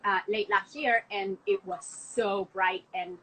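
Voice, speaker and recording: A woman's voice: medium pitch, fairly even intonation, takes it slowly, pushed and bright, a little hiss or hum, low-quality recording. A young woman from Argentina, a wine export manager, talking about wine on a casual podcast call, gushing and full of "like" fillers. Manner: enthusiastic, chatty, many "like" fillers. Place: home, from a window view of the city.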